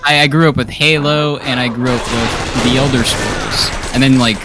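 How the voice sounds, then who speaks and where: A man's voice: mid-range voice, steady tone, normal speed. A young man in casual chat as he plays a co-op game with a friend. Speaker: co-op gaming partner. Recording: voice chat over noisy game gunfire.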